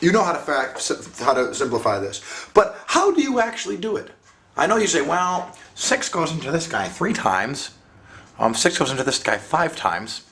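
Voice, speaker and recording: A man's voice: on the high side, very animated, normal speed, a bit bright, a little hiss or hum. A man teaching a casual math lesson, playful and jokey, thinking aloud with rhetorical questions and ums. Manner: playful, jokey, talks to students as dudes.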